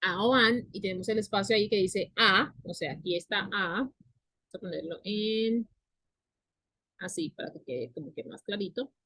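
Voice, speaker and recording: A woman's voice: medium pitch, moderate pace, sharp tone, dry recording. A woman whose first language is Spanish, teaching an English class and explaining grammar patiently, repeating and spelling out words.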